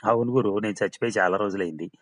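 A man's voice: lowish voice, racing, close to an everyday voice. A man voicing the ghost of a hard-drinking male laborer who keeps swearing his tale is true, in a storybook reading. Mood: eerie.

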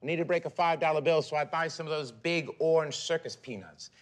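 A man's voice: fairly high pitch, a little fast, faint music behind. A man giving rambling, neurotic first-person comic narration in a mockumentary. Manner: neurotic, self-absorbed, rambling.

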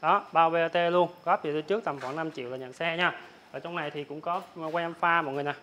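Male, young, southern Vietnamese accent. Hard-sell price patter, extremely quick, repetitive and informal. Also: on the high side, sharp tone. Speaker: motorbike salesman. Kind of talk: hard-sell sales pitch, listing prices. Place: large open-sided motorbike warehouse. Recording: clear ambient noise of open warehouse.

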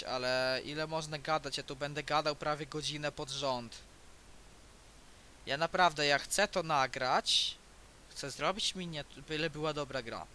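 Brief: teen boy YouTuber, under the weather with a cold, very bright cutting tone, chatty rambling gamer talk. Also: mid-range voice, a little hiss or hum. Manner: rambling, restarts sentences often. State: has a cold. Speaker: gaming YouTuber. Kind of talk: casual let's-play commentary. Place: home, indoors.

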